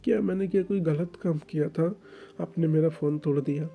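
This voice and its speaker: A man's voice: a little high, a little fast, creaky, mellow, slight background noise, pitched above the performer's own voice. A man voicing a timid, tearful young man who stammers and pleads in a whiny way. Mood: tearful pleading.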